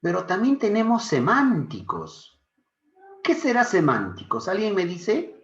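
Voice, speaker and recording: A man's voice: high-pitched, a little slow. A man teaching a secondary school literature class online. He keeps asking his students questions and calls them his dear students. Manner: animated, questions students often, affectionate teacherly asides. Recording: echoey room, dull lo-fi sound.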